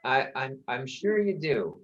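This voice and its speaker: A man's voice: mid-range voice, very animated, unhurried, echoey room, dull audio. A man playing a polite, scheming young time traveler who stammers eagerly.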